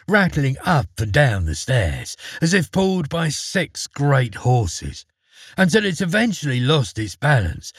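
A male storyteller reads a fairy tale in a dramatic, expressive way, and his voice rises and falls widely. The tone is husky, and the recording is dry and close with no room sound. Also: mid-range voice, no room sound.

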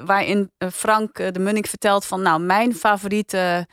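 Her voice is mid-range and fairly bright, with fairly even intonation at a moderate pace, recorded with clean studio sound and no room sound. She's a podcast host with a Netherlands Dutch accent, chatting casually while she reviews, and a music bed runs behind her.

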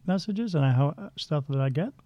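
A man's voice: fairly high pitch, expressive, brisk, dark tone, no room sound. A man working as a psychic medium, telling stories in a blunt, rambling way with frequent restarts during an interview. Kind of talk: casual storytelling interview. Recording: dull lo-fi dry sound.

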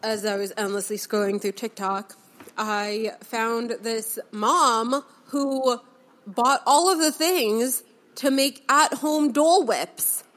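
A woman's voice: on the high side, takes it slowly, a bit bright. A young woman co-hosting a casual podcast, congested and nasal from a cold, chatty and full of "like". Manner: chatty with filler "like". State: congested, sick. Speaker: podcast co-host.

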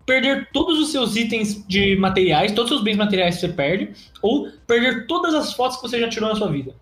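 Brazilian podcast host, man, casual game-quiz banter, high voice in an echoey room, faint music under. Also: big pitch swings, fairly quick, fairly bright tone. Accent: Brazilian Portuguese. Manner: reads out would-you-rather choices, laughs easily. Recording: roomy echo.

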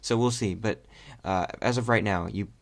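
A man's voice: lowish voice, moderate pace, vocal fry. A young man hosting a podcast in casual chat, rambling and hesitant with lots of fillers. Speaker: podcast host.

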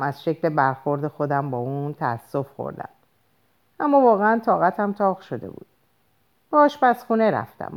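A woman's voice: low voice, a little mellow. A woman narrating an audiobook in a first-person voice, reading expressively and lifting her voice for the dialogue. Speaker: audiobook reader.

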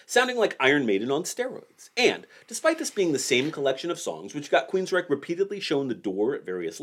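A man in his forties hosting a podcast, telling a band's history in a wry, joking way. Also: on the high side. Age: 40s. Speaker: podcast host. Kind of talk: casual podcast chat.

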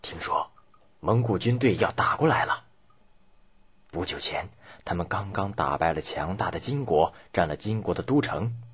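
An anxious townsman played by a male narrator in a history story, fearing invasion. The voice is low and husky, with uneasy, dramatic swings in intonation. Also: animated, normal speed, fairly bright tone, heavily acted. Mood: anxious, fearful.

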